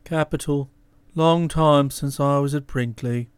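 A woman voicing a jilted, gloomy young Englishman who speaks in a hollow, halting way. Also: low-pitched, clean tone, no echo, studio quality, voice pushed down.

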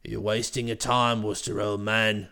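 A man voicing a cheery, vulgar, overfamiliar former servant with a gruff manner, in a storybook reading. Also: fairly low pitch, little pitch movement, unhurried, bright, forceful tone, voice pushed down. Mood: cheery crude.

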